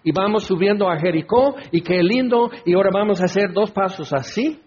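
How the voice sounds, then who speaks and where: A man preaching a sermon in an animated way, acting out the crowd's voices. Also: sits high, fairly quick, husky. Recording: dull lo-fi recording.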